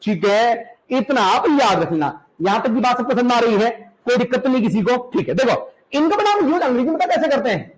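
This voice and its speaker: A male teacher from the Uttarakhand hills gives a classroom lecture, repeating words slowly for students to copy and often checking that they understand. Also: extremely high pitch, very animated, rough recording.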